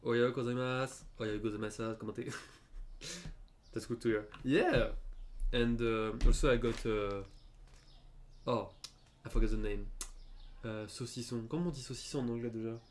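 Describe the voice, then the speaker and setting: A man's voice: mid-range voice, measured pace, pauses often, slight background noise. Chatty young French-accented man streaming. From France. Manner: chatty, hesitant, lots of fillers and restarts. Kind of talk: casual gaming chat.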